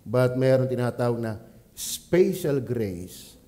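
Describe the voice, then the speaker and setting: A man with a Batangas accent, a pastor preaching at a church prayer meeting, swinging from quiet asides to loud exclamations. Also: medium pitch, lively intonation, takes it slowly. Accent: Filipino, Batangas.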